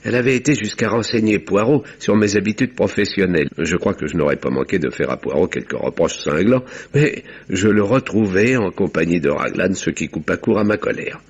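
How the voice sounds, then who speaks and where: Narrating a French radio mystery styled after the 1950s, a low-pitched male actor portrays a composed, wry village doctor. He speaks in husky, literary, measured tones with lively intonation and dry irony, all through a dull vintage radio sound.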